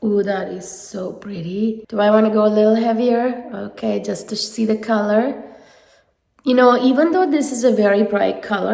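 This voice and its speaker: In a big, reverberant room, a woman with a nasal head cold reviews makeup for her viewers. She's a beauty vlogger with a medium-pitched, creaky, warm voice, gushing and enthusiastic in a casual way.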